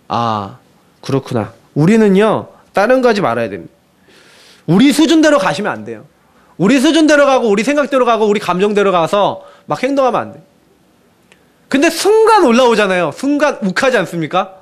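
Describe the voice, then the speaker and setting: A man's voice: high-pitched, a little fast. A man preaching a sermon as pastor, asking his congregation questions and acting out scripture quotes. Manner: animated, acts out Bible quotes in raised voices, asks the congregation questions. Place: church sanctuary.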